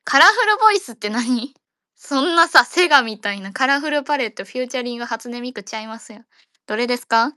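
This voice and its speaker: A woman's voice: fairly high pitch, animated, quick pace, pushed and bright, dry recording, clean studio sound. A woman with a Kansai accent hosting a casual audio chat room, joking around and rambling playfully. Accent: Kansai Japanese.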